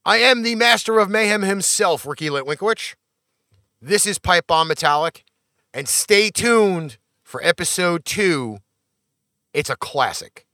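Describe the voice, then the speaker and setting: A man's voice: high-pitched, animated, a little slow, pushed and bright, no room sound, studio quality. A man hosting a music show, introducing tracks in a brash, blunt and playfully defiant way as he hypes up the audience.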